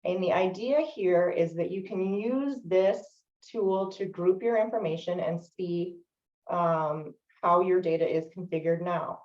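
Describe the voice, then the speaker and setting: A woman trainer leading a software training webinar, explaining steadily with frequent "um" fillers. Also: on the low side, measured pace. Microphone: video call microphone. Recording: distant, roomy, dull lo-fi webinar audio.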